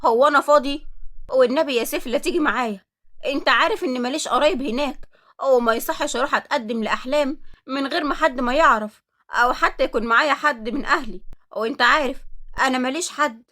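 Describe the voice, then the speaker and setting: A woman's voice: high voice, quick pace, sharp tone. A woman with an Egyptian Arabic accent voicing a young man pleading with his friend.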